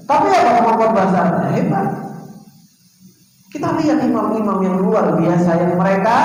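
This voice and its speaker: A man from Indonesia giving an Islamic study lecture, asking rhetorical questions and reciting Arabic with lively swings in pitch. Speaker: religious teacher. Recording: echoey reverberant hall.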